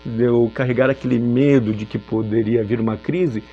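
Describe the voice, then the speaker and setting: A man from Brazil sharing a personal testimony in a reflective, halting way with frequent filler pauses. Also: mid-range voice, steady tone, muffled recording, soft background music. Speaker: speaker sharing a personal story.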